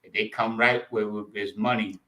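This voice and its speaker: Brief: male sports-talk co-host, bright and sharp voice, slangy, cuts in a lot. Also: fairly low pitch, fairly even intonation, a little hiss or hum. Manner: quick, slangy, talks over his co-host. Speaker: podcast co-host. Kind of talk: casual sports chat.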